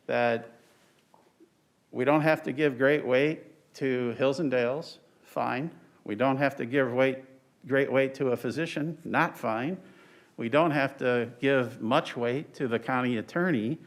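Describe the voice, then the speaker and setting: An older man, an attorney, giving a halting, deliberate oral argument in court. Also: mid-range voice. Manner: halting, deliberate, with stretched pauses. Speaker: attorney arguing on appeal. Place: large courtroom. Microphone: lectern microphone, speaking through a face mask.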